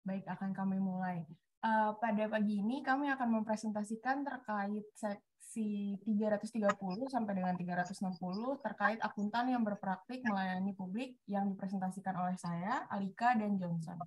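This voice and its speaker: A woman's voice: medium pitch, moderate pace. A young woman student giving a formal class presentation over a video call, her audio faint, distant and breaking up. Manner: reads points in a steady, orderly way. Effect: choppy, breaking-up online call audio.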